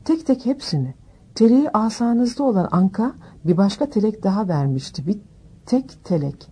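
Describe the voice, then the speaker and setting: A woman voicing an eccentric old male wandmaker who talks briskly and insistently, sinking to murmurs. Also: medium pitch, animated, dark tone, slightly rough, pitched above the performer's own voice. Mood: hushed.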